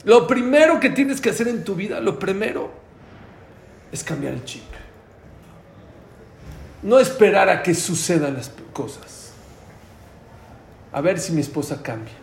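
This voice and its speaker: A man giving a lively sermon, acting out voices of the people and of God as he preaches. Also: high-pitched, measured pace, gravelly, pauses often, roomy sound. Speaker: rabbi.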